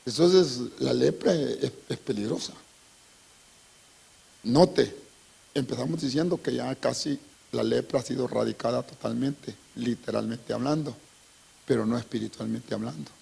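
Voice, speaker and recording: Gravelly, husky-voiced male preacher. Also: mid-range voice, normal speed. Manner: preaches with sudden shouts and dramatic acted dialogue, often calling out "hermano". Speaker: pastor. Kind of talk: sermon. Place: church.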